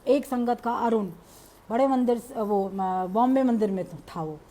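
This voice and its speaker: A middle-aged woman shares a personal spiritual testimony in animated storytelling, slipping English phrases into her talk. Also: on the high side, a little slow. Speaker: devotee sharing a testimony.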